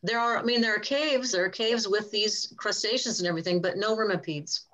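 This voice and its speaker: An older woman scientist answering questions in a relaxed, rambling way over a video call. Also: mid-range voice, a little fast, poor audio. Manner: chatty, rambling, self-correcting. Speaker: guest speaker, cave diving scientist.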